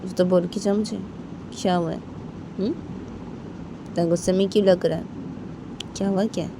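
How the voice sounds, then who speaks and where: A woman's voice: fairly even intonation, moderate pace, noisy background, natural voice. A woman voicing a worried middle-aged mother who pleads with her child. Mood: coaxing. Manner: pleading, higher and louder than the narration.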